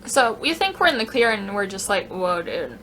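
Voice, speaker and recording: A woman telling a casual, animated story on a vlog, swearing freely. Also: on the high side, brisk, slight background noise. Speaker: vlogger.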